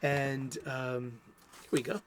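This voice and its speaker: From his home studio, a Boston-area man with a Boston accent hosts a casual solo talk show about comic books. His medium-pitched voice moves little in pitch and goes slowly, and he rambles with lots of fillers and restarts.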